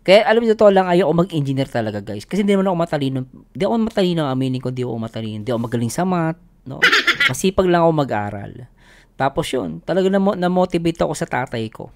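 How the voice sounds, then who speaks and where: A man's voice: fairly high pitch, big pitch swings, fast. Chatty laughing man vlogging over noise. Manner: laughs often, chatty, keeps addressing viewers. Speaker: vlogger host. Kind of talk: casual chat to viewers. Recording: noisy recording.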